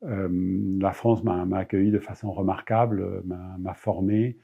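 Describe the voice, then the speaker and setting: A middle-aged scientist from Argentina speaks in a measured, halting way, often pausing and repeating words as he builds his point. His voice is fairly low and dark, with a gravelly, husky grain. The recording sounds a little dull and lo-fi. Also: steady tone. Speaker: research scientist. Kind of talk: recorded interview statement.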